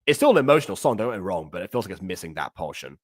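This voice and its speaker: A man reviewing in a casual reaction commentary, thinking aloud in a halting way. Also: low-pitched, big pitch swings.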